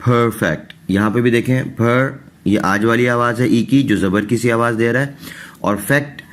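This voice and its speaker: A man teaching English pronunciation in a recorded online lesson, slow and methodical, saying each example word twice. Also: mid-range voice.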